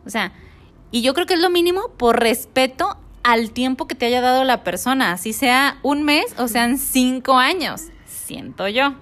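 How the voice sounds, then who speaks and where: A woman with a Mexican accent speaks in a relaxed, conversational way. She tells a personal story to an interviewer and replays each line of dialogue she remembers in her own voice. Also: high voice, a little slow.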